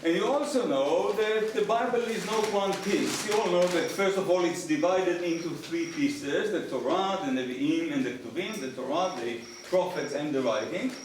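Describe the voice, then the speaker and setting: Older Israeli-accented lecturer, dry wit, distant mic, hissy background. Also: male voice, high voice, moderate pace, hardly any pauses. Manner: dry humor, conversational, addresses the audience directly. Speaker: professor giving a lecture. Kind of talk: public lecture. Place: lecture hall. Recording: distant mic, echoey hall, background noise.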